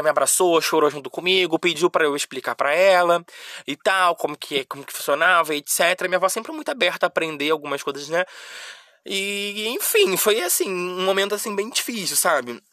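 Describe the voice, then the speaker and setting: A man's voice: high voice, pushed and bright, no room sound, studio quality. A young adult man with a Brazilian Portuguese accent, telling a personal story in an emotional, repetitive way with lots of fillers. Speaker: podcast host.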